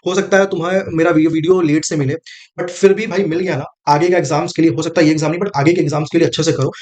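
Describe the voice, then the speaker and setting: A man's voice: on the high side, fairly even intonation, fast talker, a little mellow. A man coaching students on exam strategy in a casual, direct way, repeating his points and calling the listener brother. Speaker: exam prep mentor. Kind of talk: casual coaching talk to camera.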